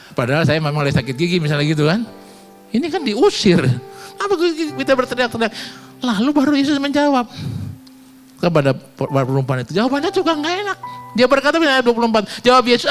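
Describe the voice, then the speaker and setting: A man preaching a sermon in church, shifting from quiet talk to loud, emphatic calls and acting out quotes in slangy banter. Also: very high-pitched. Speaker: pastor. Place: church hall.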